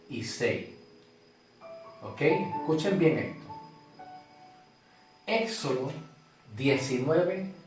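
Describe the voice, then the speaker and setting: A man from Puerto Rico with a Puerto Rican accent, preaching a sermon, emphatic and repetitive, often checking in with "ok?". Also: a little high. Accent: Puerto Rican Spanish. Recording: roomy sound with faint guitar music.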